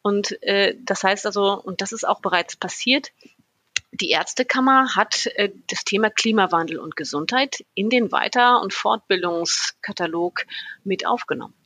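Eine Frau, Umweltmedizinerin, die im Interview sachlich und mit vielen Füllwörtern medizinische Zusammenhänge erklärt. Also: female voice, medium pitch, pushed and bright, dry recording. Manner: measured, explanatory, many filler sounds. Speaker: environmental physician. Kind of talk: explaining in an interview.

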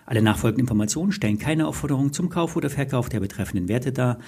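A man, a podcast host, reads a scripted legal disclaimer quickly and flatly. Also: mid-range voice, breathy edge.

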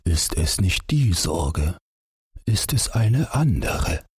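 A man voicing a worried, kindly middle-aged father in a storybook reading, speaking in a gentle, musing way. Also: low-pitched, very animated, takes it slowly, husky, no room sound, studio quality, heavily acted. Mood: musing, stern.

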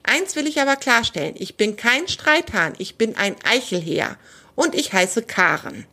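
A woman voicing a proud, loud female jay bird in a children's storybook reading. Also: a little high, moderate pace, exaggerated voice. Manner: loud and excited.

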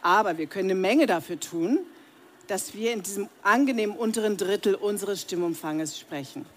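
A woman's voice: mid-range voice, normal speed, a little hiss or hum. A woman voice coach speaking directly to a live audience, leading breathing and humming exercises and demonstrating the sounds herself. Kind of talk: live voice training workshop. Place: seminar room with audience.

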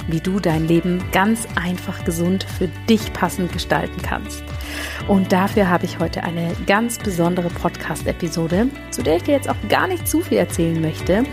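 Lower-pitched woman hosting a podcast. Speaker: podcast host. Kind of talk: podcast introduction addressed to the listener.

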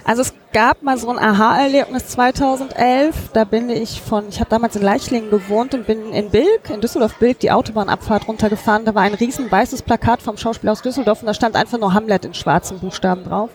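A woman's voice: a little high, a little fast, few pauses, darkish tone. A woman podcaster talking casually in an interview, thinking aloud with many fillers. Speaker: podcaster, guest. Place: busy hacker congress hall.

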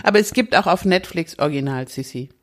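A woman's voice: deep voice, animated, fast. A woman co-hosting a podcast, chatting casually in a playful, teasing way. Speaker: podcast co-host. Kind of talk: casual chat.

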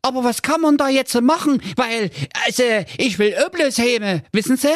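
A young prince who shrieks and whines in near-constant panic. The voice sits very high and swoops wildly from line to line in a dry comedy audio story. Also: male voice, lively intonation, normal speed, dry recording. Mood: frantic. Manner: shrill, frantic, whining.

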